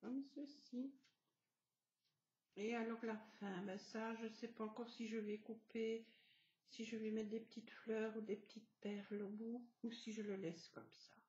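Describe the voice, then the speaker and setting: A woman narrating a craft tutorial, explaining each step gently with soft asides. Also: on the high side, fairly even intonation, measured pace, roomy sound. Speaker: craft video host. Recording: dull lo-fi home recording.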